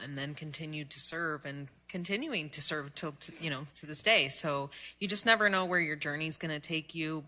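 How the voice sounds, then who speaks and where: Low, bright-toned councilwoman, casual. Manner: casual, reflective, rambling. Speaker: city councilmember. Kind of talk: council meeting remarks. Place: city council chamber.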